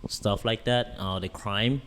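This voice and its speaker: A man in his twenties from Cameroon, a guest on a podcast telling stories in lively casual talk. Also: lowish voice, slow, slight background noise. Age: 20s. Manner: animated storytelling, lots of "you know". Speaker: guest, bodybuilding coach. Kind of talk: casual interview chat.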